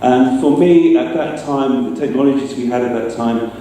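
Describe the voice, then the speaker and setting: Speaking to an audience in a big, reverberant hall, a middle-aged man who works as a sound designer presents a casual slide talk. His warm, mid-pitched delivery is halting, with breaks in the middle of phrases, and the mic sits far away, capturing strong echo plus some noise.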